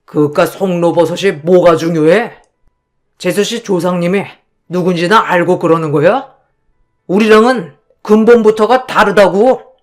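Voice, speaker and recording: A woman's voice: lowish voice, unhurried, faint music behind, natural voice. Woman reading a bossy middle-aged brother-in-law, scolding, radio story. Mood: commanding. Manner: commanding, scolding.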